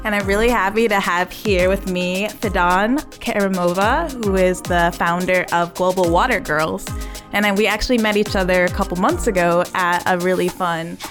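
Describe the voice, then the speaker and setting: A woman's voice: lowish voice, steady tone, normal speed, over music. A woman hosting a podcast interview in a casual, informal, chatty style. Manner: informal, reacts with short interjections. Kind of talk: casual chat.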